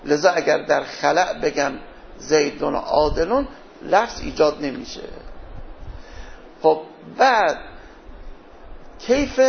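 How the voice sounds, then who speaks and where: A man lectures on philosophy in a gravelly voice pitched a little high. He keeps posing questions to the class and answering them himself. The recording sounds dull and lo-fi. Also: a little hiss or hum. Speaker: teacher.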